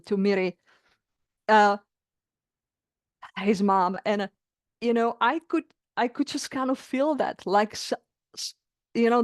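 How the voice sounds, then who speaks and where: In studio-quality audio without echo, a medium-pitched woman speaks. She is a middle-aged coaching client from the Czech Republic offering reflective testimony, sharing her experience earnestly and feeling her way toward the right words.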